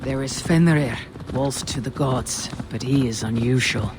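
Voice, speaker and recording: A woman voicing a Viking warrior who asks measured, questioning things in a video game cutscene. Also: extremely low pitch. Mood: wary. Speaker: Viking protagonist. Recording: game audio under clear ambient noise.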